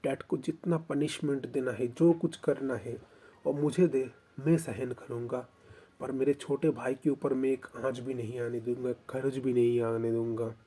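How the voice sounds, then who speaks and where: A man voicing a teasing, protective older brother who speaks loudly and fondly. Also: medium pitch, fairly even intonation, a little slow, breathy edge. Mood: fierce, fond. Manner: loud, fond, scolding.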